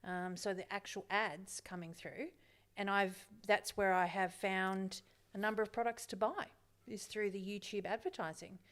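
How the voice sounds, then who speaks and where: A woman's voice: mid-range voice, fairly even intonation, moderate pace, a bit bright. A woman, the host's mum, in a casual podcast chat, asking curious questions and sharing her view. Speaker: podcast guest.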